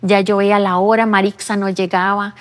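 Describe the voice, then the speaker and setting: A woman's voice: mid-range voice, little pitch movement, normal speed. Woman, echoing room. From Costa Rica. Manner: earnest storytelling, re-enacting her own past words. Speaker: interviewee giving a testimony. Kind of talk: personal faith testimony. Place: church interview set. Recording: long reverb of a large room.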